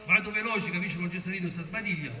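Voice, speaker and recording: A man with a southern Italian accent from Salento giving a booming, declamatory political speech at an outdoor rally. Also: fast, pushed and bright. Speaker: local politician addressing a rally. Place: open town square at night, far from the camera. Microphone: distant phone camera picking up the speech. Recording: echoey, distant, noisy outdoor phone recording.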